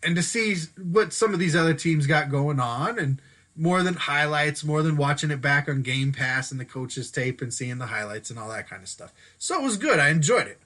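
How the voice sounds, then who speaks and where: Bright-voiced casual male sports host. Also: fairly high pitch, animated, moderate pace. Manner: casual, chatty, self-correcting. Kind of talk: solo sports commentary talk. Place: Denver.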